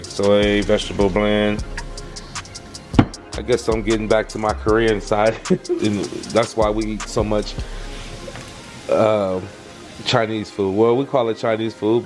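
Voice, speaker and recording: With music playing behind him, a man talks viewers through cooking in his home kitchen, rambling a bit, repeating himself and constantly asking the audience questions. His voice is on the low side with a darkish tone.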